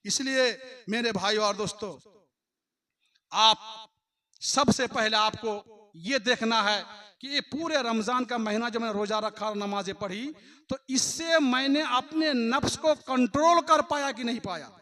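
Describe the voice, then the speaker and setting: A man delivering a Friday sermon, chanting scripture quotes slowly and then explaining them with passion. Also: very high voice, sharp tone. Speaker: mosque preacher. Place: mosque.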